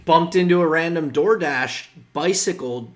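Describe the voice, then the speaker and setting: An unhurried young man with a fairly high-pitched voice co-hosts a podcast. He chats casually in a loose, rambling way, restarting often and making guesstimates.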